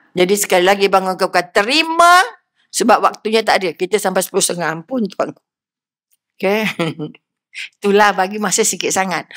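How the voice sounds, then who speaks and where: An older woman with a Malaysian Malay accent giving a lively religious lecture, often putting questions to her audience. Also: high voice. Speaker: religious speaker.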